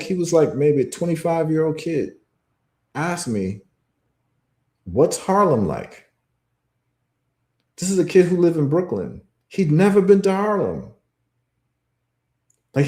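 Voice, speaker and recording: A man's voice: fairly high pitch, mellow, roomy sound. A man from Ghana talking in a casual show monologue, emphatic and repetitive as he tells stories. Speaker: podcast guest.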